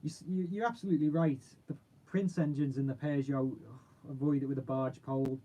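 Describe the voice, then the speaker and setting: Casting: male car-channel host, twenties, lightish pitch, soft-edged tone, informal rambling Q&A chat. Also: steady tone, brisk, highs cut off. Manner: chatty, informal, matey, rambling. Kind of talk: casual livestream chat, answering viewer questions.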